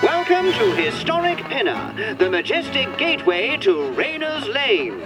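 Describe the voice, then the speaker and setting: Guy doing a super high old newsreel announcer, swoopy and chipper, music under it. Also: wildly swooping pitch, a little slow, exaggerated voice. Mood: proclaiming. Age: 30s. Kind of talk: mock old newsreel narration.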